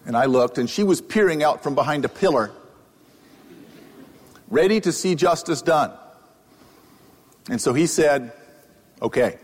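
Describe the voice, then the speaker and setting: With a slightly high, animated voice, an economist speaks at a measured pace with long pauses during a humorous public talk. Wearing a mic on stage, he spins a wry, self-deprecating anecdote, captured live with the hall's long reverb.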